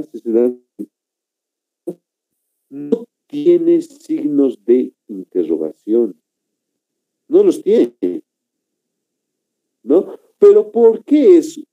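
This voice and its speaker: A male teacher gives a slow classroom lecture, stretching out his phrases and checking in with his listeners again and again. His voice is very dark and mellow, with a lively rise and fall in pitch. The recording sounds dull and lo-fi. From Bolivia. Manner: slow, repetitive, keeps asking "¿no?" and addressing "señores".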